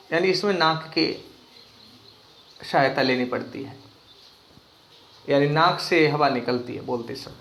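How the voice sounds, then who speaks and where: Gravelly-voiced teacher in an echoey room. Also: male voice, a little high, fairly bright tone. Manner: asks pupils questions and repeats key words slowly. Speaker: Hindi teacher. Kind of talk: classroom grammar lesson.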